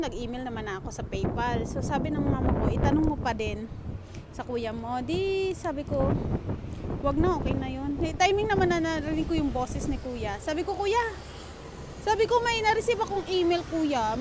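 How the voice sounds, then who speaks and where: Waiting for a train outdoors in the rain, a Filipina vlogger tells her viewers a story in a casual, chatty way, mixing in English words and calling them "guys." Her voice is high and expressive at a moderate pace. Rain, wind and passing vehicles can be heard behind her.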